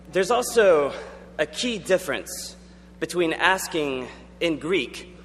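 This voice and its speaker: In a big chapel auditorium, a young man delivers a sincere, chatty student chapel talk, often saying um. His voice is mid-range and a bit bright. The audio carries long hall reverb with a faint hum underneath.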